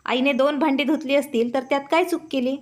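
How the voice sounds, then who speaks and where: A woman's voice: sits high, fast, darkish tone, lightly acted. A woman voicing an exasperated younger son. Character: younger son, calm man turned exasperated.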